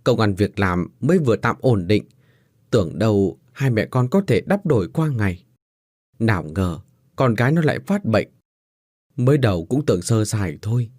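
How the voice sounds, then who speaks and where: A man's voice: fairly low pitch, expressive, normal speed, darkish tone, no room sound, clean studio sound. A man voicing a sympathetic middle-aged landlady recounting sad news in a sighing, matter-of-fact way.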